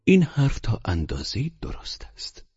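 A haughty Frenchman drawls his disdain, as a man narrating the story gives him voice. The tone is husky and the audiobook sound is dull and lo-fi. The recording is dry. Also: mid-range voice, wildly swooping pitch, darkish tone, no room sound, exaggerated voice. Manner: disdainful, slow. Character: haughty mocking Frenchman, adult male.

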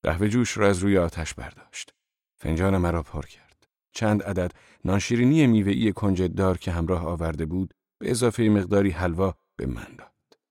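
Deep male audiobook narrator, calm and measured, dry close recording. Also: no echo. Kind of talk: scripted literary narration.

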